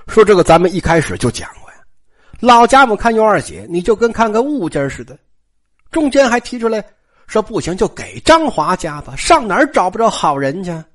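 A storyteller, telling a classic tale in colloquial style with asides to the listeners. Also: mid-range voice. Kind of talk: traditional oral storytelling.

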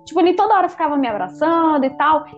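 Fast-talking high-voiced young woman. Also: dull audio, soft background music. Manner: animated, lots of fillers and quoted dialogue. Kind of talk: casual storytelling chat with friends.

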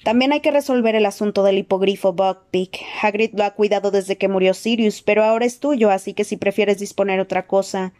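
A calm, courteous old wizard, as a woman reading aloud puts him on. He speaks in a measured, polite way with quiet good humor. A storybook voice close to the reader's own. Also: mid-range voice, close to an everyday voice. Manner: measured, polite, gently amused. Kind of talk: audiobook character voice.

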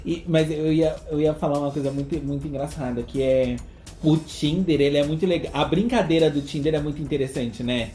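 Emphatic Brazilian man, mellow voice. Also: on the high side, soft background music. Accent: Brazilian Portuguese. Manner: expressive, emphatic, quick to exclaim. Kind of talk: casual chat. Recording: roomy echo.

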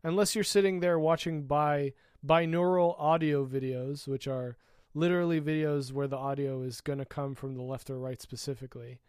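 A man co-hosting a casual tech podcast, opinionated, explaining at length and trailing off quietly at the ends of points. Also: fairly high pitch, steady tone, normal speed, smooth, dry recording, clean studio sound. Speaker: podcast co-host.

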